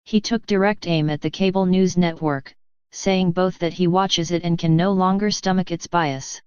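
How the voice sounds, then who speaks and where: Low, smooth woman reading the news. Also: steady tone, normal speed, a little mellow, no room sound, highs cut off. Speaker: news narrator. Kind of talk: scripted news narration.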